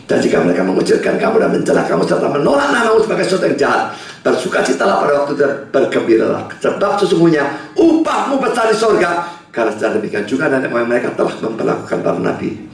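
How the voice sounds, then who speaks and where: A male pastor preaching a sermon, swinging from quiet asides to shouting. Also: on the high side, wildly swooping pitch, fast talker. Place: church hall. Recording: echoey hall, distant mic.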